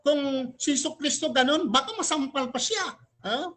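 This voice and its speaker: A man's voice: extremely high pitch, moderate pace, pushed and bright. Emphatic man arguing in a debate. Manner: emphatic, peppered with rhetorical "Ha?" questions; switches between Tagalog and English mid-sentence. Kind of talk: live religious debate argument.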